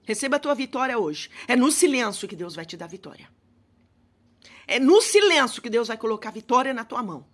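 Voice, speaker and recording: Woman preacher, high bright voice, a bit husky, fervent sermon. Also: sing-song, brisk. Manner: fervent preaching, direct address to listeners; rising to shouted prayer. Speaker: missionary preacher.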